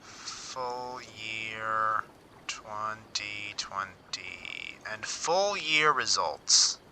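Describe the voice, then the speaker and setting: A man's voice: lowish voice, animated, extremely slow, gravelly, pushed and bright, slight background noise, rough recording. A man streaming casually, thinking aloud as he reads out figures and muses on them wryly, often repeating words mid-sentence. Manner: wry, self-interrupting, repeats words as he reads. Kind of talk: casual livestream commentary.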